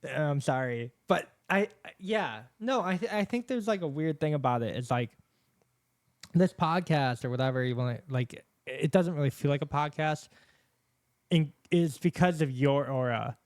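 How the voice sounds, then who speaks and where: Earnest and rambling, the lisping host of a casual podcast chat leans heavily on fillers. His pitch is fairly high and his pace moderate, with no room sound, captured by a studio microphone on a podcast set with camera and microphones.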